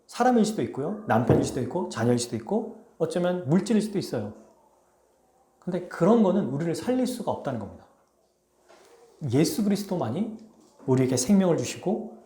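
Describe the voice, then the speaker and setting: Animated Korean pastor in an echoey hall. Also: male voice, fairly high pitch. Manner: animated storytelling, asks the congregation questions. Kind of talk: sermon. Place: church sanctuary.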